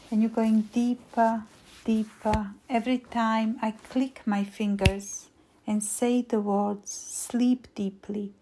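A woman hypnotist guiding a hypnosis induction in a slow, soothing, repetitive voice, breathy and often trailing into a whisper. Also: mid-range voice, dark tone, a little hiss or hum. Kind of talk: guided weight-loss hypnosis induction.

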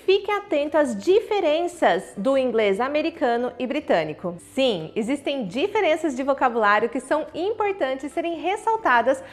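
A woman's voice: high-pitched, sing-song, moderate pace, few pauses. A Brazilian woman teaching English in a video lesson, speaking directly to the viewer and demonstrating English words, with a Brazilian Portuguese accent. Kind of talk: online video lesson with tips.

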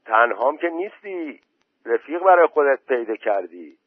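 A man's voice: medium pitch, very animated, breathy edge, dry recording, voice pushed up. A man doing a sly, teasing young villager. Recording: dry phone-like voice message.

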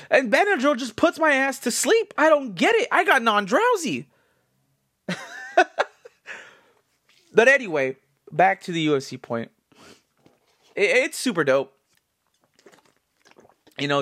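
A man in his twenties, congested, talking in a rambling, animated style full of fillers as a solo podcast host. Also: sits high. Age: 20s. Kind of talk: casual solo commentary.

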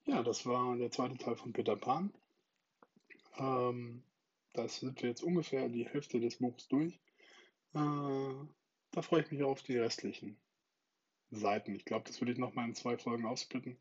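A man reading a children's book aloud in a calm, earnest way and making modest remarks about his own voice. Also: medium pitch, a little slow, pauses often, breathy edge, lo-fi sound. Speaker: storybook reader.

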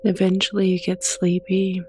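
A soft-spoken, gentle meditation guide reading slow, soothing scripted narration with unhurried pauses and a creaky edge. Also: medium pitch, monotone, slight background noise.

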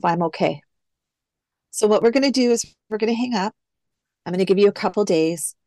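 A woman's voice: fairly low pitch, a little mellow, no room sound. A woman who is an adoptee guest, reflectively telling her story in a casual interview and quoting past phone calls. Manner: reflective, retells phone calls with quoted dialogue.

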